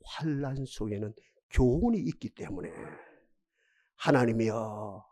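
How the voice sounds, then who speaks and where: Male pastor, sermon; extremely lively pitch, dramatic with rhetorical questions. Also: moderate pace. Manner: dramatic preaching, rhetorical questions, swings from loud to hushed. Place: church sanctuary.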